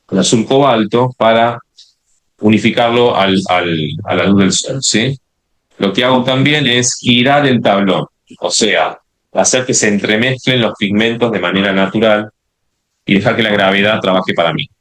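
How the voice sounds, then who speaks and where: A man leads a watercolor lesson in a low voice. He explains each step as he paints, restarting phrases and checking in with his viewers. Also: normal speed, a bit bright. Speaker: watercolor instructor. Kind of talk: live painting demonstration.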